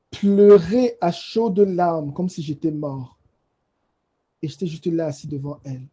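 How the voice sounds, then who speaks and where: A man on a panel telling his personal faith testimony in an emotional, halting way, often repeating phrases. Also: a little high, dark tone, breathy edge.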